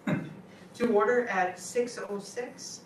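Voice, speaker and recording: Chairing a school board meeting in a meeting room, a woman asks plain questions in a slightly high voice, steady in tone and slow in pace. A distant, echoey room mic picks her up along with faint noise.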